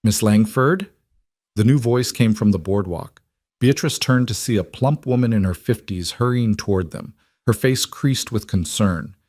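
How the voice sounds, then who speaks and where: A man reading a western story aloud as narrator, in a measured, even storytelling manner. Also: lowish voice, dry recording, clean studio sound. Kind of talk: scripted narration.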